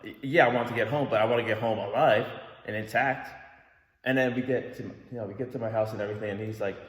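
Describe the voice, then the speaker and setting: A man's voice: on the low side, fairly even intonation, fast talker, a bit bright. A man telling a story in a casual vlog, rambling and swearing with an exasperated tone. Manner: rambling, profane, exasperated retelling. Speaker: vlogger. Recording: echoey room with long reverb.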